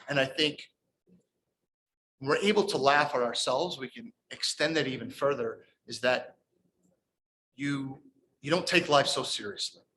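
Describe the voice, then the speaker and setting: A man's voice: mid-range voice, pushed and bright, slight background noise, low-quality recording. A man hosting a speaking club meeting, casually encouraging members to share short stories. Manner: encouraging, casual, repeats words. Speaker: table topics master at a speaking club meeting.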